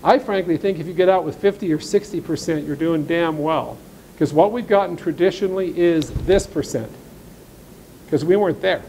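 At an agricultural seminar, a man gives ranchers a folksy, blunt and sarcastic talk, reading passages of law aloud and then commenting on them. His voice sits fairly high, with a warm tone and a moderate pace. The recording is low quality, with a little hiss or hum.

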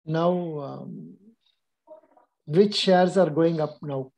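A man's voice: fairly high pitch, extremely slow, creaky, a little mellow, poor audio. An older man with an Indian accent interviewing someone informally on a video call. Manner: informal, switches between English and Hindi. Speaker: mock interviewer. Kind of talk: conversational interview questioning. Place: indoor office. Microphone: video call, seated close to webcam.

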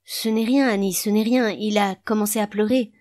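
A woman's voice: mid-range voice, fairly even intonation, normal speed, darkish tone, voice pushed up, lightly acted. A woman voicing a timid young husband who stammers nervously. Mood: flustered.

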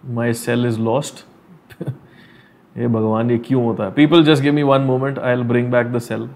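A man's voice: medium pitch, flat delivery, fast talker, a little mellow. A young man with a North Indian accent teaching a live revision lesson as an online teacher, informal and explaining step by step, often asking questions and mixing languages. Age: young adult. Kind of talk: live exam revision lesson, switching between English and Hindi. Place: small furnished room at home, indoors.

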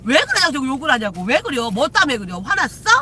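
A woman's voice: high voice, big pitch swings, a little fast, pushed and bright, a little hiss or hum. A woman, a shaman chatting casually with viewers on a live stream from her car, teasing and swearing freely. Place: in a car while driving.

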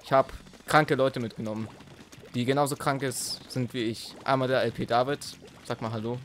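A man hosting a let's play, chatting and joking with friends while gaming into a headset, in a joking, excitable way. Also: medium pitch, moderate pace, a little hiss or hum. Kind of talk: casual gaming commentary.

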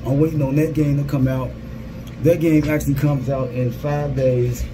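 A man's voice: medium pitch, little pitch movement, normal speed. A man in his thirties giving a casual, informal vlog update as a gamer, often repeating his phrases. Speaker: gaming content creator. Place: small security guard booth. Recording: clear vehicle and ambient background noise.

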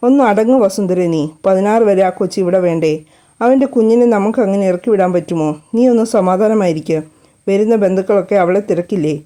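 A woman voicing a calm, pragmatic family elder in a storybook reading, speaking in a soothing, reasoning way. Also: high voice, fairly quick, close to an everyday voice.

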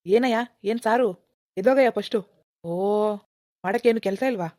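Cartoon: woman doing a gruff sneering shopkeeper, rapid, dry, dark. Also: medium pitch, no echo, natural voice. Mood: scornful. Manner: gruff, dismissive, shooing people away. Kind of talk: animated cartoon dialogue.

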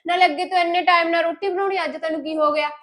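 A young woman playing a lazy, sharp-tongued young wife who bickers and defies her family in a village family drama. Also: extremely high pitch, steady tone, rapid-fire. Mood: defiant. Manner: defiant, bickering.

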